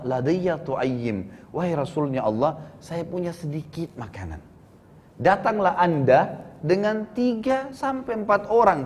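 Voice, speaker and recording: A man preaching to a congregation, telling a story with lively acted-out dialogue. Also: fairly high pitch. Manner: lively storytelling, acting out quoted dialogue with tag phrases. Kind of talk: storytelling sermon.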